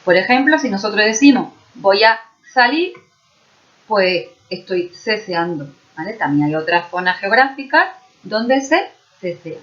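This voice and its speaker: A woman's voice: mid-range voice, animated, moderate pace, muffled recording. A woman with an Andalusian Spanish accent teaching a video lesson, explaining step by step and often checking in with her students. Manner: explains patiently, checks understanding with frequent "¿vale?".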